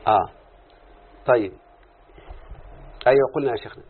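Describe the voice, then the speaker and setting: A man's voice: medium pitch, brisk, husky. A man with an Egyptian Arabic accent teaching a classroom lesson. He keeps checking in with his students, repeats points, and stretches out syllables as he explains. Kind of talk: classroom lesson with call-and-response. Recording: tinny phone-like lo-fi sound with faint background noise.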